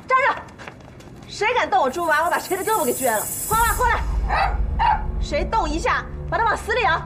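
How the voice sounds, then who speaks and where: A fierce foul-mouthed widow. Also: female voice, very high voice, lively intonation, fairly quick, music in the background. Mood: threatening. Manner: fiery, combative, shouting. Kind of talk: TV drama acting. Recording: drama with loud score under.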